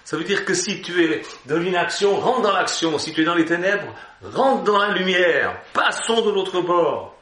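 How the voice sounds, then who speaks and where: A man's voice: sits high, lively intonation, normal speed, few pauses, bright, forceful tone. A man preaching an Easter sermon, exhorting his listeners and breaking into joking asides. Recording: roomy hall echo.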